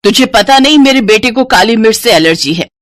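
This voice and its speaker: A woman's voice: animated, a little fast, fairly bright tone, no room sound. A woman voicing a stern middle-aged mother-in-law who scolds her daughter-in-law. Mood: scolding. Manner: scolding, low and heavy.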